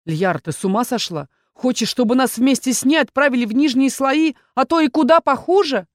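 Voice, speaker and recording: A woman reading an audiobook, voicing a sharp-tongued young noblewoman necromancer who scolds and exclaims indignantly. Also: sits high, expressive, brisk, dry recording, clean studio sound, voice pushed up. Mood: suspicious. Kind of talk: audiobook character voice.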